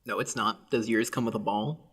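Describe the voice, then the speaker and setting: Husky-voiced young man, wry and laid-back. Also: on the low side, steady tone, brisk, a bit bright. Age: young adult. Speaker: podcast co-host. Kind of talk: casual chat.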